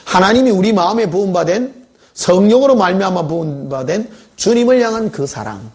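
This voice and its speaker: A man preaching, his pitch sitting a little high and swinging widely as he talks. He preaches in a conversational, storytelling way and keeps asking the congregation questions. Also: expressive, fairly quick. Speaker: pastor. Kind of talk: sermon. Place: church.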